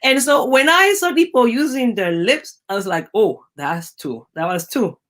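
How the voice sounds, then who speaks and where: Speaking at a moderate pace and fairly high pitch, a middle-aged Venezuelan woman, a biologist and native Spanish speaker with a Venezuelan accent, recounts stories as an interview guest. She's animated, imitates quoted voices, and keeps restarting her phrases.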